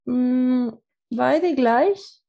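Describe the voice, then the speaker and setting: This woman, a native Spanish speaker with a Mexican accent, is being interviewed in a casual chat. Her high voice is extremely slow, creaky and mellow, and she talks hesitantly as she searches for words.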